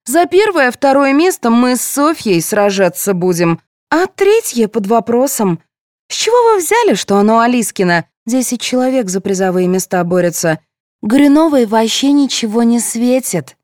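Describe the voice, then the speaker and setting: A woman's voice: a little high, sing-song, moderate pace, darkish tone, no room sound, clean studio sound, pitched above the performer's own voice. A woman reading an audiobook, voicing a boastful teenage girl contestant who speaks condescendingly.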